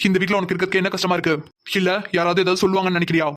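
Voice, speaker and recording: A persistent young man in a cartoon, voiced by a woman keeps pressing with pleading questions. He talks very fast in a low voice with a flat, even tune. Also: close to an everyday voice. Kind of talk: animated cartoon dialogue.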